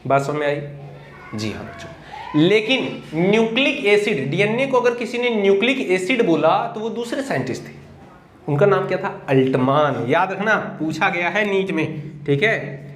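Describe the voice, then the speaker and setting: A man teaching biology to students, asking the class questions and answering them himself, and spelling out key terms slowly word by word. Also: high-pitched, lively intonation. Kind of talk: Hindi classroom lecture. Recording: echoey room with faint noise.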